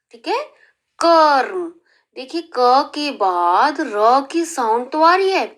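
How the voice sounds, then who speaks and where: A woman teaching young children in a slow, careful lesson style, stretching out syllables and often checking in with the class. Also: fairly high pitch, fairly bright tone. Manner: drawn-out syllables, frequent rising "theek hai" checks. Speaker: primary school teacher.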